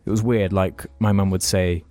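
A man's voice: low voice, steady tone, normal speed, mellow, soft background music. A young man, telling a long story in casual podcast chat and swearing freely. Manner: rambling storytelling, heavy swearing. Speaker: podcast co-host.

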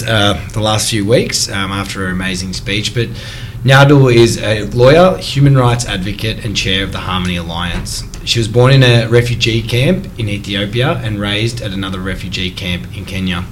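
A man's voice: on the low side, normal speed, hardly any pauses, slight background noise. A man hosting a podcast, introducing a guest with a few um's and small stumbles. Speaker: podcast host.

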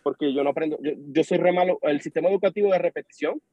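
A young Venezuelan man, speaking with a Venezuelan accent in a slightly high voice, chats fast as a podcast guest and tells a lively story, acting out the dialogue himself. The recording is dry, with a dull lo-fi sound.

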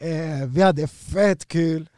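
Brief: high-voiced man, animated and slangy, dry close sound. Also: clear, resonant tone, no echo. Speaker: guest fighter. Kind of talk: casual storytelling.

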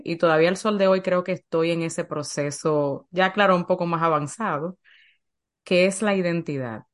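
A middle-aged woman hosting a faith-based podcast as an eating coach, talking in an emphatic, heartfelt way. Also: sits low.

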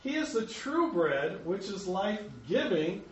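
A man's voice: high voice, sing-song, unhurried, slight background noise. An American man teaching an adult Sunday school Bible lesson, explaining points step by step and chuckling at his own slips. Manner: explanatory, self-correcting, chuckles at himself. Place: church classroom. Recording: echoey room, mic at a distance.

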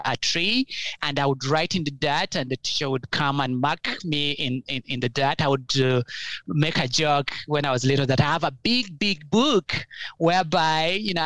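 Earnest Ugandan man, smooth and dry. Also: on the high side, a bit bright, no echo, rough recording. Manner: earnest, halting, many fillers and restarts. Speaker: guest. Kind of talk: personal storytelling in an interview.

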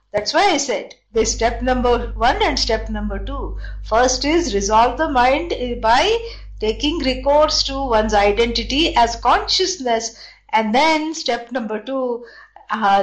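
A woman with an Indian accent teaching scripture in a deliberate, explanatory way, posing questions and then answering them. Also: high-pitched, poor audio. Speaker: spiritual teacher. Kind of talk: scripture lesson with chanted verses and explanation.

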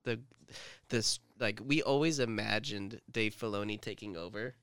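A man's voice: lowish voice, moderate pace, fairly bright tone, clear, resonant tone, no room sound. A man chatting casually as a podcast co-host, rambling with lots of fillers and joking asides. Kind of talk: casual fan discussion.

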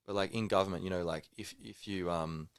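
Very low, gravelly male podcast voice. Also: steady tone, a little fast, no echo, studio quality. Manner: rambling, thoughtful, peppered with like and you know. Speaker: podcast co-host. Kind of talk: casual conversation.

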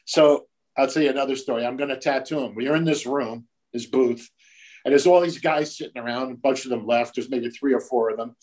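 A man's voice: mid-range voice, fairly quick, a little mellow, poor audio. An older man, a tattoo artist, telling stories in a casual, profane way and acting out the voices of the people in them. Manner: profane, acts out quoted voices. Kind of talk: casual storytelling.

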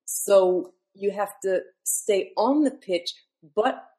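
A woman's voice: medium pitch, slow, dark tone. A woman who is a classical singer, speaking as a guest in a podcast interview and explaining her work in a thoughtful way with many fillers.

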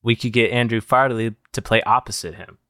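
A man's voice: medium pitch, brisk, bright, forceful tone, no room sound. Man speechifying in a dry close-mic. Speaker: podcast co-host. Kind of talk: comedic improv sketch.

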